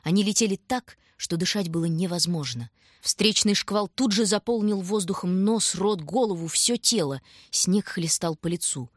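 A woman reading a story aloud in scripted, measured and dramatic narration. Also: fairly low pitch, dry recording, clean studio sound. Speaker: audiobook reader.

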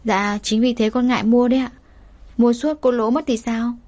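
A woman voicing a poor, gentle thirteen-year-old girl who talks politely and pleads through sobs. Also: a little high, steady tone, normal speed, natural voice. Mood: shy polite. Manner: polite, pleading, sobbing cries.

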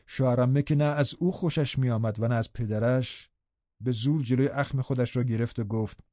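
Man narrating an audiobook, dry and mellow. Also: medium pitch, dry recording. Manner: measured storytelling. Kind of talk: scripted narration. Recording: dull, dry audiobook recording.

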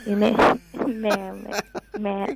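A woman's voice: mid-range voice, little pitch movement, extremely slow, gravelly, heavy background noise. A woman calling in to a radio show over the phone, chatting casually and repeating short answers. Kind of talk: casual chat.

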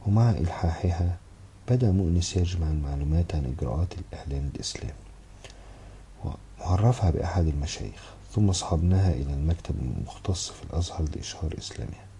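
Deep dark-toned guy reading a novel aloud, steady and measured, first person. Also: a little hiss or hum. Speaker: audiobook narrator.

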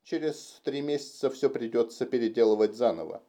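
A man's voice: medium pitch, a little fast, warm tone, natural voice. A man voicing a proud, curt forty-two-year-old famous entertainer in an audiobook reading. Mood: businesslike. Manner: curt, businesslike.

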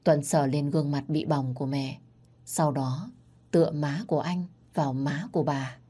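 A woman narrating a dramatic story, reading every part herself and rising loud and high in the quarrels. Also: steady tone, moderate pace, breathy edge. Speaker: storyteller narrating all parts.

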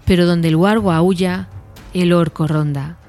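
A woman's voice: on the low side, fairly even intonation, unhurried, mellow, soft background music. Aragorn, a woman doing a solemn ranger. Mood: urgent. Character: Aragorn, weathered man ranger, solemn and watchful.

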